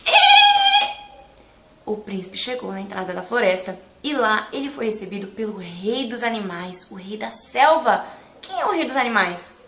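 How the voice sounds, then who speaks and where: A woman telling a story to children in an animated way, coaxing the listeners to join in. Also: mid-range voice, normal speed, noisy background. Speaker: storyteller teacher. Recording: echoey room.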